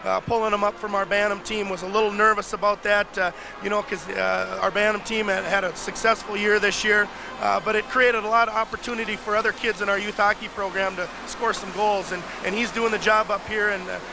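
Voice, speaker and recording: Hesitant high-voiced male hockey coach. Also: flat delivery, vocal fry, noisy background. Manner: halting, lots of "uh" fillers. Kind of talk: sideline interview.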